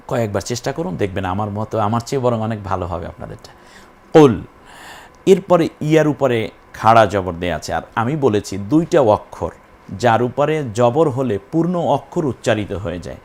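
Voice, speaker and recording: A man teaching Quran recitation as a patient teacher who spells out sounds syllable by syllable and stretches the long vowels. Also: mid-range voice. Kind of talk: recitation lesson.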